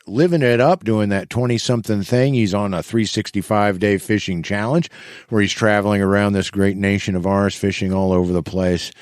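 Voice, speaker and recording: A podcast host chats casually in a low-leaning man's voice with fairly even intonation and a slightly fast pace. The recording is dry and clean, with studio sound quality.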